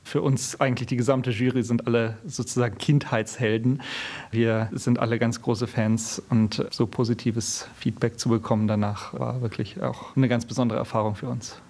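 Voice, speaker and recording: A man, a musician in an interview, answering in a measured, thoughtful and modest way. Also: mid-range voice, flat delivery, darkish tone.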